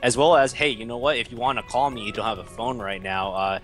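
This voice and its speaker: A man's voice: mid-range voice, steady tone, fast, a bit bright. A tired young man casting an esports match in a rambling, joking, self-mocking way, with faint music behind. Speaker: esports caster. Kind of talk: casual esports commentary.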